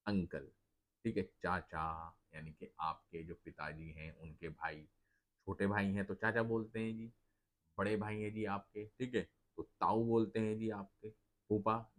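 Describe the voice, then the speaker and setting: Very low-voiced man teaching English words. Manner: repeats the questions and tags lines with "जी" and "ठीक है"; asks a question, then answers it himself. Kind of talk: Hindi-Urdu vocabulary lesson.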